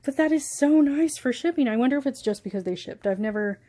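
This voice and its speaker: A young woman vlogging as she unboxes shoes, gushing and giggly, breathless with excitement. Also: sits high, quick pace. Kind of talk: casual unboxing vlog.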